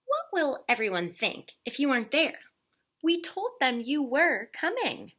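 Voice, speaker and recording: A woman's voice: sits high, huge pitch swings, measured pace, bright, forceful tone, pitched above the performer's own voice, heavily acted. A woman voicing a patient but firm adult man in a storybook, cajoling and using endearments. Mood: pleading. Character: Mister Hartwell, coaxing, patient adult man at home. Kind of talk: storybook character voice in a read-aloud.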